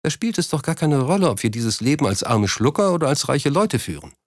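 A man reading an audiobook, voicing an unhappy, reproachful wealthy wife in a raised, softer voice. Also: medium pitch, sing-song, fairly quick, dry recording, studio quality, pitched above the performer's own voice, natural voice. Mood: cool. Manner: softly reproachful, drops her voice. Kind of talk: audiobook character voice.

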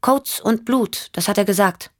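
A woman's voice: medium pitch, unhurried, clean studio sound, pitched above the performer's own voice, natural voice. A woman voicing a withdrawn, odd young girl who gives blunt short answers and echoes words, for an audiobook.

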